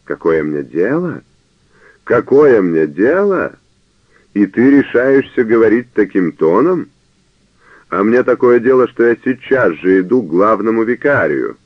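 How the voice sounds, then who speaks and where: Man playing a raging old priest in a radio reading, shouting, dry, phone-thin sound. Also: low-pitched, lively intonation, unhurried, no room sound, narrow, tinny audio. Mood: furious. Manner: shouting, choking with anger. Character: old male canon, furious, sputtering with rage.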